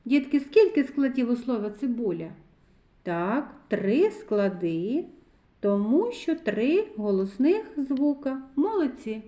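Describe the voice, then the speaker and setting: A woman teaching a recorded literacy lesson to preschoolers, speaking slowly and clearly and drawing out words syllable by syllable. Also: fairly high pitch, sing-song, dark tone, roomy sound. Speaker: kindergarten teacher.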